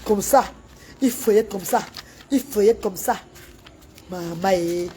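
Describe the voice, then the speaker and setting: A woman's voice: mid-range voice, moderate pace, dark tone, a little hiss or hum. A woman ranting on a livestream, emphatic and repetitive, switching between pleading and scolding. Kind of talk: livestream rant.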